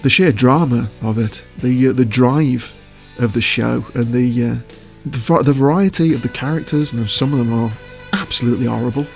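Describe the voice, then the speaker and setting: A man with a mid-range voice and moderate pace gives casual interview answers as a voice actor, with faint music behind him. He picks his words hesitantly and chuckles often.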